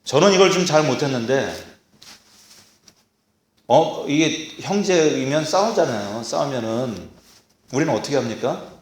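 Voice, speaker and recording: A man preaching a sermon to a congregation, animated, acting out scolding parents in a raised voice. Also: medium pitch, unhurried, pauses often. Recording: echoey hall.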